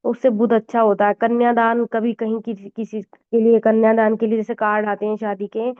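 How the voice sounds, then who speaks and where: A woman's voice: fairly high pitch, little pitch movement, brisk. A woman astrologer giving a conversational astrology lesson, explaining with frequent fillers and mixed-in English words. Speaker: Vedic astrologer teacher. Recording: tinny phone-like audio.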